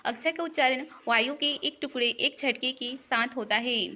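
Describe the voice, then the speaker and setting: Bright-voiced woman reading a lesson. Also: sits high, a little hiss or hum. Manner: reads definitions in a steady, deliberate teaching cadence. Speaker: teacher. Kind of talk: exam-prep lesson, read-aloud definitions.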